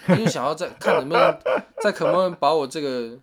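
A man's voice: on the high side, a little fast. A man, telling a story in a casual chat and acting out what people said. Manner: animated retelling with quoted voices and laughs.

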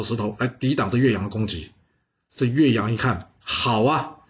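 A man telling a history story in a casual, lively, exclamatory way with chatty asides. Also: mid-range voice.

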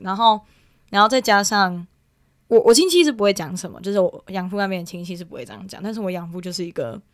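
A woman's voice: on the low side, no echo, clean studio sound. A young woman from Taiwan telling a personal family story in casual chat, rambling with many fillers and restarts. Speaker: guest.

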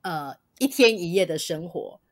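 Taiwanese Mandarin woman, lively podcast host. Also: fairly low pitch. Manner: lively, agreeable, many quick "对" replies. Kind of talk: casual podcast chat.

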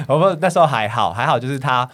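Fast-talking man telling a bar story. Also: medium pitch. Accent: Taiwanese Mandarin. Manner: animated storyteller acting out dialogue, bursts into laughter. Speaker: bar staff and podcast host. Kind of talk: casual storytelling chat.

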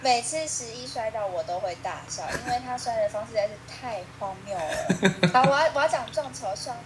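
A woman's voice: on the high side, a little fast, noisy background. A woman with a Taiwanese Mandarin accent, a guest in a casual chat, teasing the host with dry jabs.

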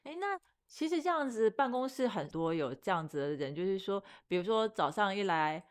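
A woman's voice: mid-range voice, expressive. A young woman, co-hosting a podcast in agreeable, chatty conversation. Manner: agreeable, chatty, quick to affirm. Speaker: podcast co-host. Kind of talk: casual chat.

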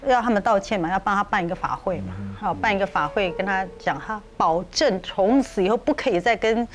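Lively woman telling a ghost tale. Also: mid-range voice, a little fast, soft background music. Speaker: podcast co-host. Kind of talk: casual ghost-story telling.

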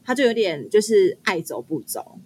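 A woman's voice: medium pitch, a little hiss or hum. A young woman with a Taiwanese Mandarin accent, telling dating stories in casual chat and acting out the lines. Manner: rapid, animated storytelling with quoted dialogue. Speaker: guest storyteller.

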